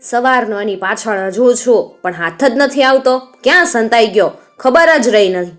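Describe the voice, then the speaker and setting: A proud male king barks loud, commanding orders in a storybook telling, high and strained, as a woman narrator acts him out. Faint music sits behind him. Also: expressive, normal speed, natural voice. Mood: frustrated.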